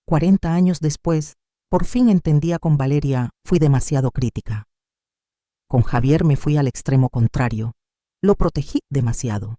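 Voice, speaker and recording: A man narrates a family drama in a measured, dramatic way. His voice is slightly high but dark and mellow. The recording is dry and close. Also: dry recording. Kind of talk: scripted first-person drama narration.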